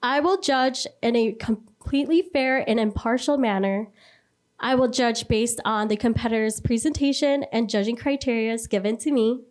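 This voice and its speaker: A woman's voice: fairly high pitch, normal speed, a little mellow. A woman leading a formal oath as an official, reciting it in set phrases.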